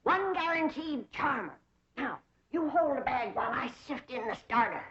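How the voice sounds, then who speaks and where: An actress with a rural Southern accent playing a feisty old mountain granny who makes folk charms, speaking in a twangy voice. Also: female voice, high-pitched, animated, moderate pace. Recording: dull 1960s TV soundtrack with hiss.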